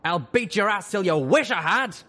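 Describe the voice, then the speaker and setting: A man's voice: sits high, animated, moderate pace, voice pushed up, full character voice. A man doing a bellowing old pony drill sergeant. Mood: furious. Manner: shouting, barking insults.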